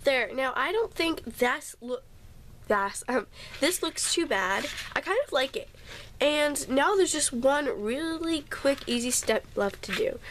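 In a high, animated but unhurried voice, a woman with a stuffy nose chats through a home craft tutorial, sprinkling in apologies as she works. The setting is an indoor craft table, with a sump pump humming faintly in the background.

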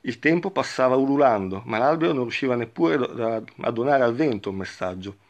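A man giving a reflective spiritual talk and reading a parable aloud, speaking slowly and thoughtfully with frequent pauses. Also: medium pitch, expressive. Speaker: spiritual teacher.

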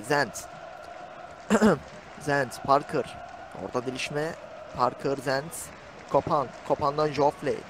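A man giving fast play-by-play commentary on an online football match, calling out names and rising to shouts at key moments. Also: mid-range voice, noisy background. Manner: rapid calling of player names, bursts of shouting.

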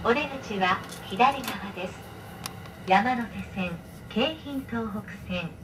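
A woman reading a scripted train announcement in a formal, measured way, as an onboard announcer. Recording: distant train speaker over loud rumble. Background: train running noise.

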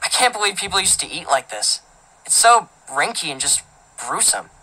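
Bright-voiced woman reading a casual teen monologue. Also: fairly low pitch, big pitch swings, normal speed, poor audio. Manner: casual, filler-heavy, indignant teen tone. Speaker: audiobook reader. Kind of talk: audiobook narration of a teen boy's first-person story.

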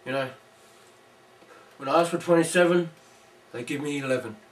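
A man voicing a hot-tempered, foul-mouthed older Santa Claus who rants and shouts. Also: a little high, normal speed, recorded from a distance, natural voice. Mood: grumbling. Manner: ranting, shouting, swearing.

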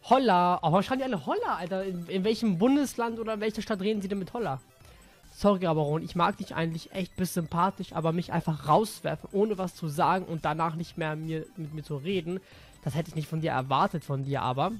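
A man's voice: sits high, fast, faint music behind. A man talking casually as a gaming YouTuber, reading out messages in an offhand, slangy way.

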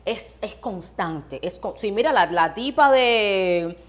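A Cuban woman with a Cuban accent, talking as an interview guest, animated, laughing often and acting out scenes as she tells them. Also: mid-range voice, takes it slowly. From Cuba. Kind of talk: lively casual interview.

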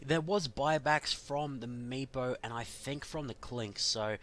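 A man calling a video game match in quick, excitable play-by-play, his voice going hoarse from the long broadcast. His pitch sits in an ordinary middle range and jumps up whenever a fight breaks out. A faint hiss runs under the recording. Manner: fast, excitable play-by-play with sudden rises. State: losing his voice. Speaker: esports caster.

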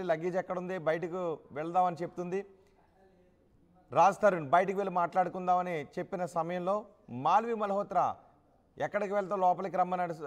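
A man narrating news footage as a voice-over, pointing viewers to the scenes shown and repeating names as he goes. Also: sits high.

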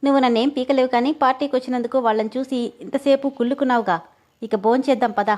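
A woman's voice: high voice, fairly even intonation, very fast, a little mellow, natural voice. A woman doing a cheeky teasing young man. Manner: mocking and playful.

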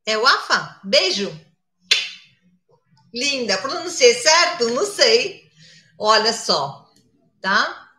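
A woman's voice: a little high, expressive, drawn-out words, pauses often, bright, forceful tone. A mature woman giving a live makeup tutorial, chatty, constantly checking in with her viewers. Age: older. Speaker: makeup instructor. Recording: echoey room.

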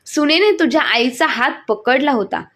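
A woman's voice: high voice, animated, normal speed, fairly bright tone. A woman doing a weary old father-in-law.

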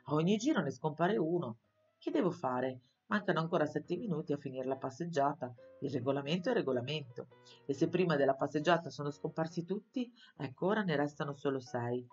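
A woman's voice: deep voice, animated, brisk, darkish tone, slightly rough, dull audio, soft background music. A woman voicing a bumbling, fretful prison guard. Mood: baffled. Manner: fretful, pleading.

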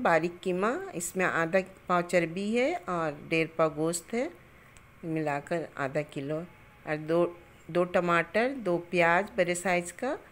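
In her home kitchen, a middle-aged cooking-channel host goes through a recipe calmly, stage by stage, offering warm greetings and blessings along the way. Her voice sits fairly low.

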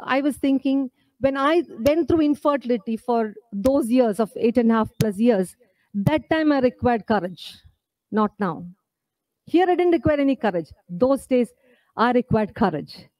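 Standing at a podium microphone indoors, a woman in her forties from India launches her book with an earnest, forceful speech full of rhetorical questions for the audience. Her voice sits on the high side and is a little mellow, captured in a dry, poor-quality recording.

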